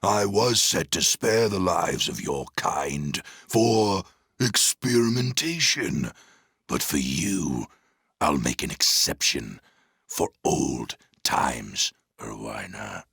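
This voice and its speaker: An actor playing a ruthless, megalomaniac general in a video game, with a gravelly, forceful voice and a pompous, contemptuous, theatrical delivery. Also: male voice, low voice, big pitch swings, slow, heavily acted. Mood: cold menace. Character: ruthless megalomaniac male general, villain scornful of humanity. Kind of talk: dramatic video game villain acting.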